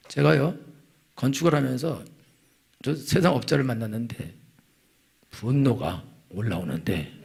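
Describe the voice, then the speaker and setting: A middle-aged male pastor preaching a sermon, telling stories with lively, acted-out outbursts. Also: mid-range voice, gravelly, breathy edge. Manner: animated storytelling, acting out angry prayers. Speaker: senior pastor.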